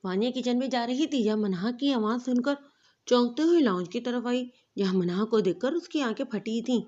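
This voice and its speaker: Female narrator, fairly high voice, expressive novel reading, lo-fi dull recording.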